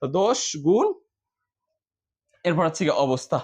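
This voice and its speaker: A man's voice: a little high, very animated, moderate pace, darkish tone, husky. A man teaching grammar to a class, spelling words out letter by letter and answering his own questions.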